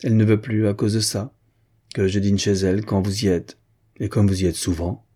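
A man reading the lines of a stout, agitated older banker in a storybook novel, with a husky, dark voice. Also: fairly low pitch, fairly even intonation, moderate pace. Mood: reproachful. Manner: reproachful, eager.

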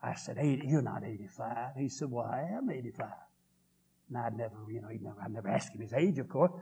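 Husky preacher man, fervent. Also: medium pitch, poor audio. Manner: impassioned, rising to loud fervent peaks while retelling quotes. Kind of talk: sermon storytelling.

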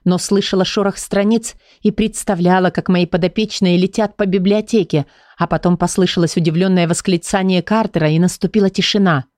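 Woman narrating an audiobook, low-ish. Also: steady tone, brisk, hardly any pauses, darkish tone, no echo, clean studio sound. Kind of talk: scripted narration.

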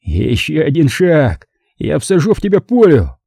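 A man voicing a vicious male hitman who snarls threats in a voice hoarse with rage, in an audiobook. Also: on the high side, huge pitch swings, unhurried, warm tone, no echo, studio quality, voice pushed up, full character voice. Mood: furious, threatening. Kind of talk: audiobook character voice.

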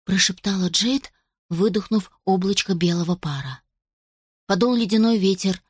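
A woman reading a children's adventure story aloud as narrator, steady and expressive. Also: medium pitch, moderate pace, breathy edge, no room sound, clean studio sound. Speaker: audiobook narrator.

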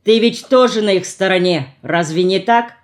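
A woman's voice: medium pitch, normal speed, close to an everyday voice. A woman reading the lines of an unhappy, mistrustful woman who speaks harshly, in an audiobook. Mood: bitter.

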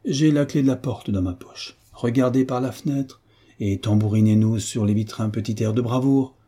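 A man voicing a jovial, mocking hunchbacked marquis in an audiobook reading, with a husky voice and a teasing, theatrical manner. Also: mid-range voice, normal speed, warm tone, lightly acted.

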